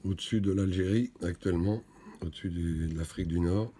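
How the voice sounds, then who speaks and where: A man's voice: low-pitched, a little fast. A man giving matter-of-fact live technical commentary as a radio operator, reporting signal and position. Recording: loud radio static and clicks. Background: radio hiss and receiver clicks.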